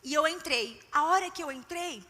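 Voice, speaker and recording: Woman preacher, animated sermon, piercing high voice, echoey church hall. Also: normal speed. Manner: animated storytelling, emphatic, addresses the women directly. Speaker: preacher at a women's service.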